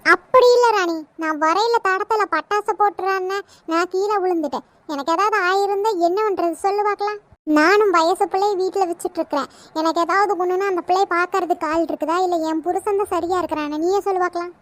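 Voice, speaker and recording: A woman's voice: very high voice, fast talker, dry recording. A woman voicing an indignant middle-aged village woman in a cartoon, talking in a complaining, reproachful way. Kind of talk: cartoon voice acting.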